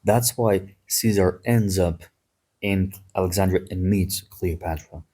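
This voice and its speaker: A man hosts a history podcast in a loose, conversational manner, drifting into asides and dry jokes. His voice sits low and is a little husky, with a dark, mellow tone. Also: measured pace. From Greece. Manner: chatty, digressive, wry asides. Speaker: podcast host. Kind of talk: casual history podcast talk.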